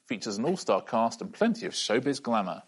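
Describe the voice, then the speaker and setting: A man hosting a quiz show, reading questions briskly and teasing the contestants in a dry way. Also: medium pitch, big pitch swings, breathy edge.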